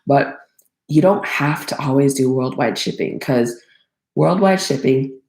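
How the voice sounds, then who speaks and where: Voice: mid-range voice, measured pace, gravelly, darkish tone. Rambling crowdfunding advice, roomy echo. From Thailand. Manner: rambling, many fillers and self-corrections. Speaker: crowdfunding consultant. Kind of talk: casual solo advice talk.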